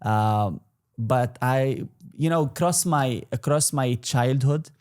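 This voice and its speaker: Speaking slowly in a medium-pitched, somewhat mellow voice, a twenty-something guest entrepreneur whose first language is Arabic chats casually in an interview. He tends to ramble, with plenty of fillers and restarts.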